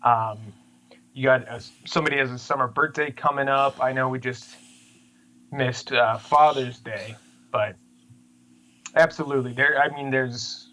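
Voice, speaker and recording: A man co-hosting a casual sports podcast over the internet. He reads out a web address slowly and plainly. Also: medium pitch, fairly even intonation, sharp tone, poor audio. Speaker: podcast co-host. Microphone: remote podcast mic over the internet.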